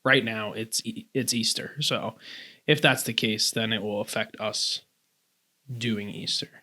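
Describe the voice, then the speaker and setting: A man's voice: lowish voice, fairly even intonation, a little slow, sharp tone. An American man co-hosting a podcast, chatting casually and with a joking manner. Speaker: podcast co-host. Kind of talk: casual chat.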